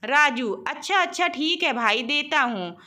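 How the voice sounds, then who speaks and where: Woman doing a tired young husband, scolds his wife, high bright voice. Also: animated, measured pace, heavily acted. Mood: weary. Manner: weary, reproachful.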